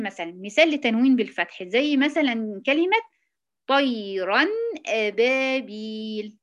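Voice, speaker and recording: In an online tajweed lesson, a woman with an Egyptian Arabic accent teaches the rules of Quran recitation, patiently quizzing her students and praising them. Her voice is fairly high, and the recording's highs are cut off.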